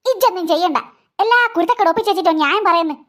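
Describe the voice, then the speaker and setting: A woman's voice: very high voice, rapid-fire, fairly bright tone. A woman voicing a stern cartoon mother with a Malabar Malayalam accent who scolds and threatens. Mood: angry.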